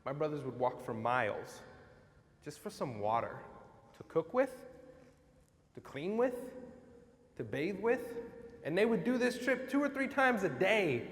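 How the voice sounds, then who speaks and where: A man's voice: a little high, big pitch swings, a little slow, long pauses, long reverb tail. A young man from Iraq giving an upbeat motivational talk to a school audience, coaxing them to respond. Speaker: guest speaker. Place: school assembly hall.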